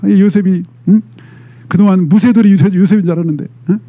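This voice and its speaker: Animated Korean pastor preaching, high voice. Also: male voice, fast. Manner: animated, dramatic retelling with frequent "eh?" prompts to the congregation. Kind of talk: sermon.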